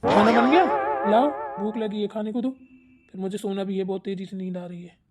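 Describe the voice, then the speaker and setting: A woman's voice: medium pitch, fairly even intonation, moderate pace, darkish tone, faint music behind, voice pushed down, natural voice. A woman voicing a sleepy, hungry adult son who whines and complains in a cartoon. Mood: grumbling. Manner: whiny, complaining. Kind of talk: cartoon voice acting.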